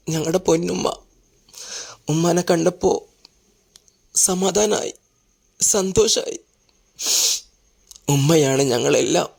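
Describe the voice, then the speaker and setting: A man playing a gravelly-voiced gentle son. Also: mid-range voice. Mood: tender. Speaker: grown son. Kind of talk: Malayalam family drama acting.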